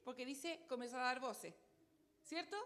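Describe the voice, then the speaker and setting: A woman's voice: high-pitched, normal speed, fairly bright tone. A woman preaching a sermon, chatty and joking with the congregation.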